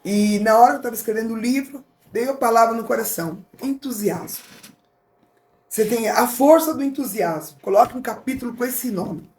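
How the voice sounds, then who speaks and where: Middle-aged Brazilian woman, motivational speaker, storytelling as a guest, animated delivery. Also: fairly high pitch, brisk, roomy sound. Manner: animated, acts out dialogue in different voices. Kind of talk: emotional personal storytelling.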